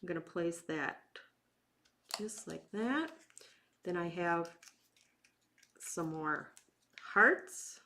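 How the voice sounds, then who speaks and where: A woman leads a casual craft demonstration in a slightly low voice. She talks informally through each step as she works, taking her time. Faint noise sits in the background. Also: lively intonation, sharp tone. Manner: informal, unhurried, talking while working with hands. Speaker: craft instructor and bingo night host.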